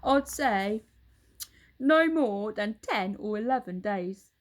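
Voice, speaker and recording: A woman's voice: mid-range voice, lively intonation. Woman putting on a taunting, gleefully cruel old husband. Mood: grim, mock-solemn. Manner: emphatic, drawn-out, taunting delivery. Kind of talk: children's storybook character voice.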